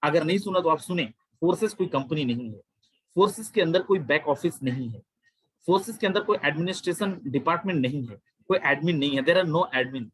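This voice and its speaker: A man hosting an online webinar, pitching a plan with emphatic, repetitive persuasive talk that mixes in English phrases. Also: expressive, a little fast, breathy edge, no room sound, poor audio. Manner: emphatic, repeats phrases, addresses listeners as my friend. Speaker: webinar host presenting a crypto plan.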